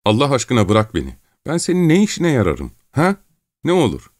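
A man voicing a frightened, pious young peasant who begs tearfully in a high voice. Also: wildly swooping pitch, a little fast, darkish tone, no echo, clean studio sound. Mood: pleading. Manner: tearful, begging, voice climbing high.

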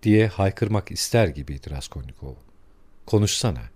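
A man reading a novel aloud as an audiobook narrator, measured and expressive. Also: fairly low pitch, no echo. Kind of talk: scripted narration.

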